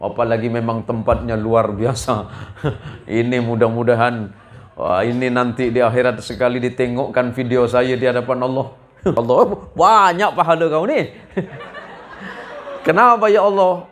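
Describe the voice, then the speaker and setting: A man's voice: medium pitch, steady tone, unhurried. A man from Indonesia, preaching a humorous sermon to a village gathering, telling jokes and acting out the voices in his stories. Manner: joking storyteller, acts out dialogue voices.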